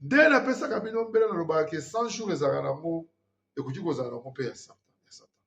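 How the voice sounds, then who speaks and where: A man's voice: a little high, animated, fast, vocal fry, fairly bright tone. A man, hosting an earnest spiritual warning talk and mixing in French phrases. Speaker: host. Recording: dull lo-fi sound.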